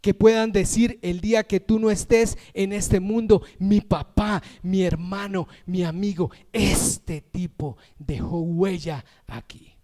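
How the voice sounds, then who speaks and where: A man preaching a lively, emotional sermon as pastor, raising his voice when moved and acting out quick everyday voices. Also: sits high. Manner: acts out everyday voices in asides.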